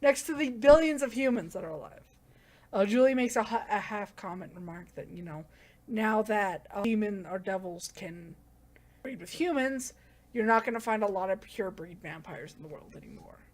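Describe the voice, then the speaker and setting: A woman's voice: medium pitch, animated, normal speed. A woman giving a casual, rambling plot recap as a manga reviewer, with lots of "like" and self-corrections.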